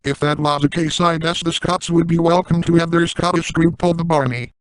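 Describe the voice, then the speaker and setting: A man's voice: fairly high pitch, steady tone, fairly quick, smooth, no room sound, natural voice, poor audio. A man voicing a crude, boastful grown man in a brash comic monologue.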